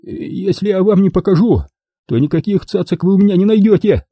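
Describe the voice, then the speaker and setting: A man voicing a rough, coarse ex-diver thug. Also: high voice, fairly quick, no room sound, lo-fi sound, pitched above the performer's own voice. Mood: pleading. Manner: coarse, snarling, then pleading. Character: rough, cornered male former diver thug.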